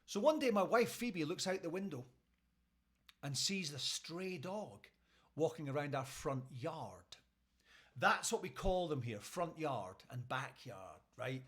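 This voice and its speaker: A man's voice: a little high, animated, unhurried, fairly bright tone. A Scottish man, a radio host, telling a story casually on a live stream and checking in with his listeners. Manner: chatty, keeps checking in with listeners.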